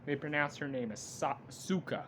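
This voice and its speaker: A man giving an unscripted movie review rant, halting and blunt, with frequent restarts. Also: fairly high pitch, expressive, fairly bright tone, slight background noise.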